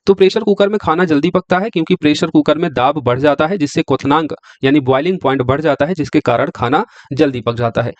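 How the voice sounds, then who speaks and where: A man's voice: fairly high pitch, quick pace, few pauses, no room sound. A male teacher giving an exam-prep science lecture who keeps asking the class questions and answering them himself. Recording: dry, slightly dull lo-fi sound.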